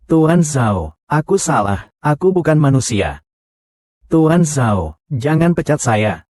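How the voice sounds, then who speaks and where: A man's voice: mid-range voice, a little mellow, no room sound, clean studio sound, close to an everyday voice. A man voicing the characters of a dubbed short drama, with a scornful, confrontational delivery.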